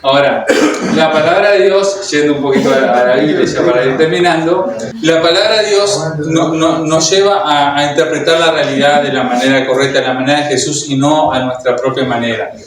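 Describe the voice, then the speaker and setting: A man's voice: a little high, brisk, a crowd in the background. A Uruguayan man with a Uruguayan Spanish accent preaching to a congregation, hesitant, with many fillers and restarts. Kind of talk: sermon. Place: church hall. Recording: very echoey hall, heard from a distance.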